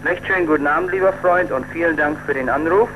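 A man's voice: fairly high pitch, quick pace, fairly bright tone. A man, an amateur radio operator, calling out station codes over a shortwave radio link. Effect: heard over shortwave radio. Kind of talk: radio contact call. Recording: muffled shortwave radio with faint hiss.

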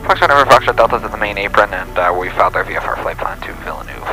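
Sex: man. Role: pilot. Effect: voice heard over the aircraft radio. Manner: clipped, very fast readbacks, very low voice. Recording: clear music underneath. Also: expressive, low-quality recording. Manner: clipped radio phraseology, reads back clearances. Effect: pilot talking over the aircraft radio. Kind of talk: radio calls to air traffic control.

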